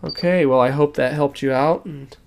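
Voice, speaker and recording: A sick man casually walking through the settings on a radio transmitter at a cluttered workbench, relaxed and step by step. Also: on the high side, moderate pace, vocal fry. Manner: relaxed, with fillers and step-by-step instructions. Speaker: hobbyist demonstrating a radio transmitter. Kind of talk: casual tutorial walkthrough.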